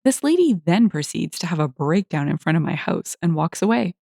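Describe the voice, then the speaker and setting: A woman tells internet stories in a casual, animated way, and her pitch moves a lot. Her voice is lowish, with a gravelly grain. The recording is close and dry. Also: fairly quick, no room sound. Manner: animated and expressive. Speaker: story narrator. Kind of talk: casual storytelling narration.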